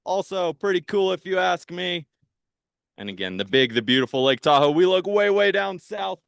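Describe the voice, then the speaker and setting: An upbeat man presents a live outdoor field trip from a boat, chatting eagerly with his online audience. His voice sounds smooth and resonant. The sound is close and dry. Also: sits high, animated, normal speed, a bit bright, dry recording. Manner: upbeat, enthusiastic, chatty with viewers. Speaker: park program host. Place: on a patrol boat on a lake, outdoors.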